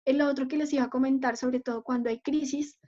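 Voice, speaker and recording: A high-pitched woman speaks as a psychologist in a live online session, taking questions from the chat. She explains things patiently and keeps checking that her listeners follow. The sound is muffled, like audio from a video call. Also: fairly even intonation, brisk, warm tone.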